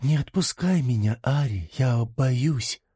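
A man voicing a frightened young woman who speaks softly and slowly in an audiobook reading. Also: medium pitch, expressive, breathy edge.

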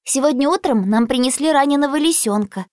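A woman's voice: sits high, a little fast, dry recording, studio quality, pitched above the performer's own voice, close to an everyday voice. Sweet eager little girl, as a woman puts her on. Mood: bubbly. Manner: bright, gushing, excited.

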